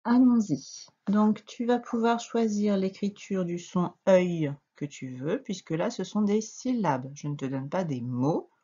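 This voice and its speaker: A woman teacher with a French accent, giving a slow, patient reading and dictation lesson to a young child and spelling out letters. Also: medium pitch, expressive, mellow, husky, highs cut off. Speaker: primary school teacher.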